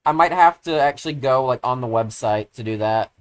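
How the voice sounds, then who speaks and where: A streamer chatting casually while playing a co-op game, rambling with many fillers, poking fun at themselves, and breaking into loud excited outbursts. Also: mid-range voice, brisk. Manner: rambling, filler-heavy, self-deprecating; easily excited, bursts into loud exclamations.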